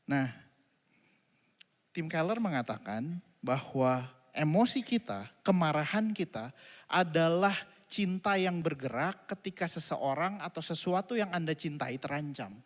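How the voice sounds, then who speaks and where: A man preaching a sermon, telling a family story in an animated way and addressing the congregation directly. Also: a little high, unhurried. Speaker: pastor. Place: church auditorium. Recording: reverberant hall.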